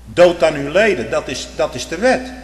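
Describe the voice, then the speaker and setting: A man's voice: lively intonation, normal speed. Fervent preacher man in an echoey hall. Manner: fervent, swings from loud outbursts to low murmurs, rhetorical questions. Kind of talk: sermon. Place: church. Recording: echoey church hall, faint hum.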